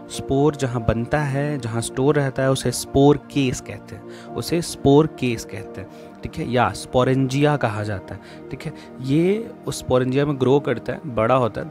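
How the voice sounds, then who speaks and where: A male biology teacher giving a classroom lecture that mixes Hindi and English, explaining step by step, repeating key terms and throwing in jokey asides. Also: mid-range voice.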